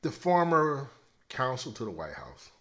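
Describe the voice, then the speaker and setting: A man with a sore throat hosting a rambling solo podcast rant, profane and swinging between loud outbursts and low mutters. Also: wildly swooping pitch, unhurried. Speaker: podcast host.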